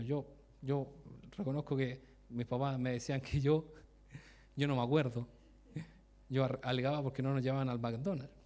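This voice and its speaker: The preacher here is a man whose medium-pitched voice comes across a little mellow. Chatty in style, his sermon features frequent mid-sentence breaks, laughter at his own stories, and direct questions aimed at the congregation.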